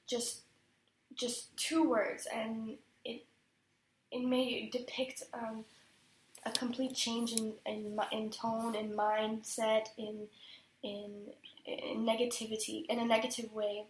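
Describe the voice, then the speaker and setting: A woman's voice: on the high side, little pitch movement, slow. A woman student answering exam questions about a poem, hesitant, with frequent restarts and fillers. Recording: echoey room.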